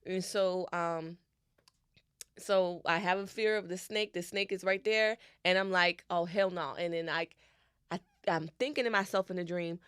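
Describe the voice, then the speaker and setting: A woman co-hosting a podcast, telling stories in an animated way and repeating her phrases in casual chat. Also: on the low side, moderate pace, clean tone, no room sound, studio quality. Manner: animated storytelling, repeats phrases, spiritual talk. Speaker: podcast co-host.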